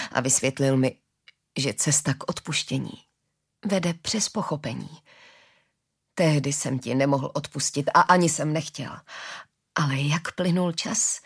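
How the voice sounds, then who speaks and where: A woman reading the lines of a gentle, forgiving father in a storybook, slowly and earnestly, with a low husky voice.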